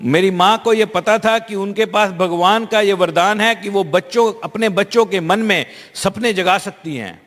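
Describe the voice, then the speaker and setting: A man interprets a speech live in a large hall, fluent and conversational, with small restarts. His voice is high for a man, and the reverb hangs after each phrase. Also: normal speed, few pauses, a bit bright.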